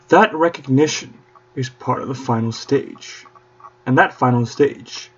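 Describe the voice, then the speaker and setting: A man's voice: medium pitch, slightly rough. A young man hosting a podcast in a mock-courtly style, grandiose and theatrical with playful old-fashioned flourishes. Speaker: podcast host. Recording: dull lo-fi recording.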